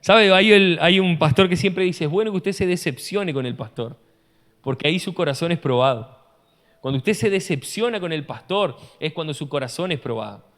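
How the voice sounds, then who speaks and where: A man, a pastor preaching an animated sermon full of rhetorical questions, recorded in a church hall. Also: a little high, moderate pace. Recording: long church-hall reverb.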